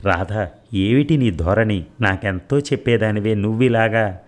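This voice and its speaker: A man's voice: fairly low pitch, unhurried, close to an everyday voice. A man playing an anxious young husband who earnestly coaxes and reassures his sick wife. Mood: pleading.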